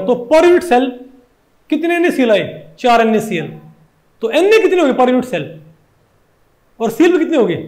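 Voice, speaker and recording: A man's voice: extremely high pitch, a little mellow. A male chemistry teacher with a Hindi accent lecturing a class, who keeps asking rhetorical questions and repeating his points.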